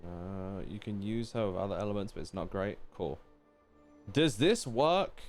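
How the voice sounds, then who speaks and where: Over game music, a man with a fairly low-pitched, darkish voice chats casually during a live game stream, musing out loud and asking his viewers questions.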